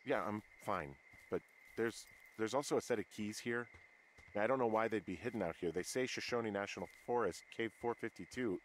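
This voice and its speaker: Dry, low-voiced wary fire lookout, as an actor plays him. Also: male voice, moderate pace, a little hiss or hum, close to an everyday voice. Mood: wry. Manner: dry, understated, sarcastic. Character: wary male fire lookout hiking the woods. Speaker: game character.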